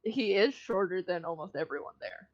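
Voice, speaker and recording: Halting woman game master, lively pitch. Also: lo-fi sound, over a noisy crowd. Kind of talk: casual tabletop game narration.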